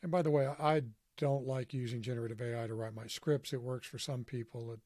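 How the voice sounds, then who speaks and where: Gravelly man explaining a screen demo. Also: medium pitch, steady tone, fairly quick, darkish tone, no echo, clean studio sound. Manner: casual, self-deprecating, thinks aloud with fillers. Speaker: podcast host demonstrating software. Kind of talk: screen-recorded tutorial walkthrough.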